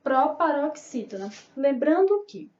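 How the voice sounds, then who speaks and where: Her voice is high-pitched and a little mellow, with lively intonation and a measured pace, carrying a Brazilian Portuguese accent. Teaching small children in an online class, this primary teacher draws out syllables and sings her way through questions she answers herself. The sound is distant and roomy, dull and lo-fi.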